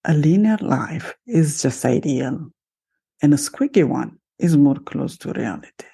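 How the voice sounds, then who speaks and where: Low, husky and creaky, this middle-aged Italian-accented woman's voice has a dark tone, and she speaks expressively at a measured pace. Talking alone on her podcast, the life coach and host celebrates herself upbeatly and proudly, speaking straight to her audience.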